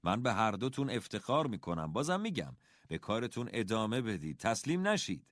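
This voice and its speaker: A gentle, encouraging schoolteacher father, as a male narrator puts him on in an audiobook. He speaks calmly and kindly, his fairly low voice moving with lively rises and falls. The sound is dry and close. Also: no room sound. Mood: warm encouraging.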